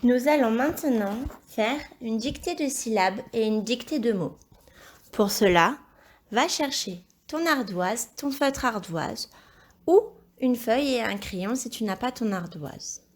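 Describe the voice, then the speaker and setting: A woman teaching a recorded phonics lesson to young children, speaking slowly and carefully, repeating each word and praising the answers. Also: a little high, expressive. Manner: slow, careful, encouraging, spells out sounds and syllables. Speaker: primary school teacher.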